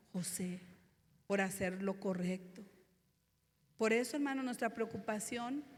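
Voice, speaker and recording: A woman pastor delivers a sermon in a slow, deliberate cadence, her voice sitting a little high. She keeps turning to the congregation to address them and reads scripture with dramatic weight. The sound carries a long reverb from a church hall. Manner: preaching, repeatedly addressing the congregation as brothers, dramatic scripture reading.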